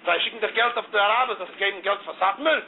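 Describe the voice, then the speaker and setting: High tinny man, stammering monologue. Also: fast talker. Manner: repeats and stammers when heated. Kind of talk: impassioned monologue. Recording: tinny phone-like audio with faint noise.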